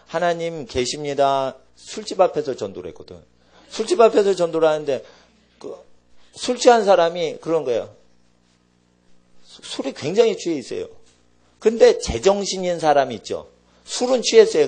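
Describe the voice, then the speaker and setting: Animated Korean pastor with lively pitch. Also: male voice. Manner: animated preaching, swings between loud exclamations and low asides. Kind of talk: sermon. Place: church sanctuary.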